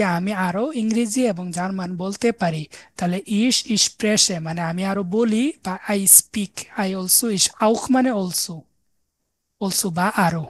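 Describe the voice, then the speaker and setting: A woman's voice: medium pitch, dry recording. A woman giving a recorded online language lecture, explaining patiently and spelling words out letter by letter. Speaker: language teacher.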